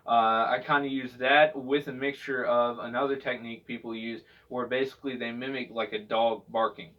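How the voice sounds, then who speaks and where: A man teaches in a loose, casual tutorial style, with a mid-pitched voice. He rambles a little, hesitating and circling back over his phrases. The recording is dull and he sounds some way from the microphone. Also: steady tone, moderate pace, recorded from a distance. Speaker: vocal technique instructor.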